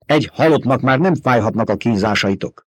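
A man reading as a husky, defiant doomed gladiator. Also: medium pitch, lively intonation, dry recording. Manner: rough, strained voice.

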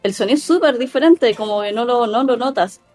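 A woman with a Chilean Spanish accent chats as a podcast co-host. Her voice is fairly high, and she retells scenes like a storyteller. Faint music plays underneath. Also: a little fast. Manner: animated storyteller, acts out quoted lines. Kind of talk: casual chat, retelling a film scene.

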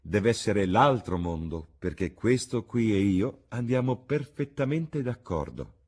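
A witty, cynical aristocrat, played by a man with a low, husky voice. He drawls ironic remarks with lazy assurance, rising and falling freely. It sounds like a classic novel read aloud. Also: sing-song, unhurried, a little mellow, heavily acted.

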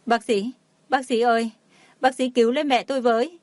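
A woman's voice: mid-range voice, normal speed, darkish tone, no room sound, lightly acted. A woman reading the lines of a desperate young woman in a storybook who pleads for her family. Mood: pleading.

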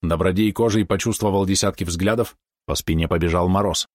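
Male audiobook narrator, low voice, dry close sound, steady reading. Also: no room sound. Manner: steady, measured storytelling. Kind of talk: scripted narration.

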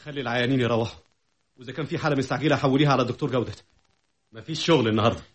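An actor with an Egyptian accent playing an anxious, jealous young doctor in a vintage radio drama, fretful and sometimes shrill. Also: male voice, racing, natural voice. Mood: weary. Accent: Egyptian Arabic. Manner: fretful, turns bitter and shrill.

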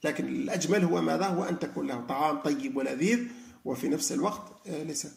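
A man's voice: a little high, fast talker, creaky, reverberant, a little hiss or hum. A man giving a spoken religious lesson, explaining with frequent fillers and restarts. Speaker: lecturer on Quran reflection.

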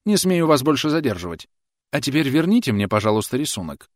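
A man voicing a prim, indignant female schoolteacher in an audiobook, talking in a shrill, huffy and outraged manner. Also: big pitch swings, a little fast, natural voice.

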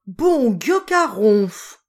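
A woman voicing a coarse old male peasant farmer who fusses over his sick cow in rough country speech. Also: fairly high pitch, very animated, slow pace, pitched above the performer's own voice, full character voice. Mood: alarmed. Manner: rustic dialect speech, loud and fretting.

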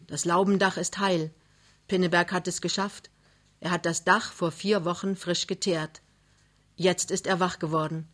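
Calm, low-voiced woman reading a novel. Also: normal speed. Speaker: reader. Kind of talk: literary reading.

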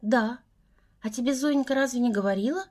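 A woman's voice: a little high, brisk, close to an everyday voice. A woman reading an audiobook voices a tender older mother who speaks tearfully and fusses over her son. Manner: tearful, warm, fussing.

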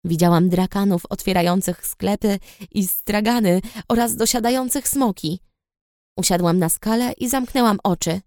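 Female audiobook narrator, first person; even, reflective delivery; dry, close studio sound. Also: mid-range voice, normal speed, no echo.

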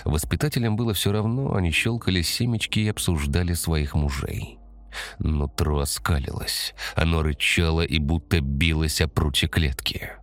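A man reads a story in a steady, measured way. His voice is extremely low and deep. It is an audiobook narration.

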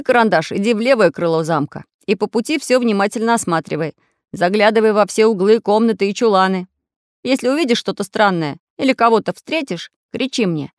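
A woman voicing a bossy little iron craftsman in a storybook reading, loud, commanding and grumbly. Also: mid-range voice, dry recording, studio quality, pitched above the performer's own voice, natural voice. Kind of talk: storybook narration.

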